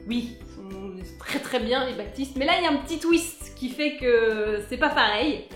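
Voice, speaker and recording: A woman's voice: sits high, moderate pace, echoey room, soft background music. A young woman chatting through a casual beauty product review, playful and talkative, breaking into little sung asides. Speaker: beauty vlogger.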